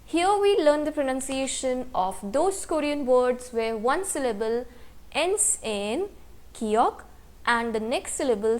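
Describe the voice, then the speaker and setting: A woman teaching a language lesson, patiently spelling out sounds and answering her own questions. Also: high voice. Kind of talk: slow explanatory lesson narration.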